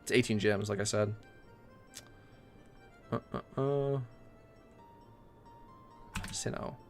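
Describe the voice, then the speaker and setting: Young guy streaming a game, swears a lot, flips from mumbling to yelling, faint music behind. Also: lowish voice, takes it slowly, gravelly. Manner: excitable, swears often, rants loudly at the game. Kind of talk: casual game livestream commentary.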